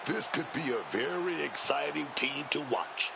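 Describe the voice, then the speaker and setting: An actor playing an upbeat color commentator building hype for a wrestling game. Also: male voice, on the high side, lively intonation, normal speed, creaky, noisy background.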